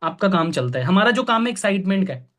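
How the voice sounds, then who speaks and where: A man coaching a group in an online training session, often checking that they follow and clearing his throat now and then. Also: sits high, very animated, fast, fairly bright tone. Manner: coaching, repeats "ठीक है?" to check understanding. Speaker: sales trainer.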